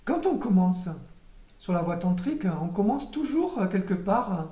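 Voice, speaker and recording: A woman giving a spiritual teaching in a calm, measured, meditative way, with occasional hesitations. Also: mid-range voice. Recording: roomy echo, voice from a distance.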